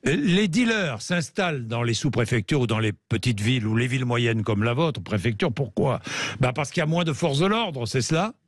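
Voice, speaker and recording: Brisk male radio talk host. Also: medium pitch, expressive, no echo, clean studio sound. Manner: brisk, interjecting, challenging guests. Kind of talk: radio talk show hosting. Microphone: studio microphone.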